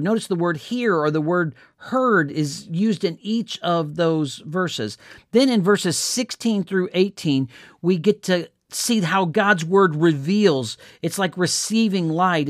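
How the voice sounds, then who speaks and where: A man's voice: on the high side, no room sound, studio quality. A man leading a Bible devotional, walking earnestly through scripture verse by verse. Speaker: devotional teacher.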